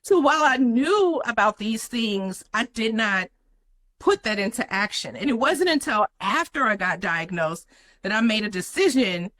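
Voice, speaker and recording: Bright, earnest woman telling her story. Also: a little high, lively intonation, normal speed, low-quality recording. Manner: earnest, many "you know" fillers. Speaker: guest. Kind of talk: personal story in an interview.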